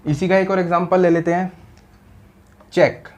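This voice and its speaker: Male shorthand teacher, step-by-step lesson, rhetorical checks, muffled low-fidelity audio. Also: level tone, moderate pace. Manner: explains step by step with rhetorical questions; mixes Hindi with English terms. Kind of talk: classroom-style lesson explanation.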